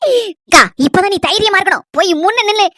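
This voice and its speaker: A woman playing a meddling village gossip, Kanyakumari Tamil accent, pushy, rapid, shrill. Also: expressive, fairly bright tone, no room sound, clean studio sound. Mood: egging on. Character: bossy, meddling village woman, neighbor sister.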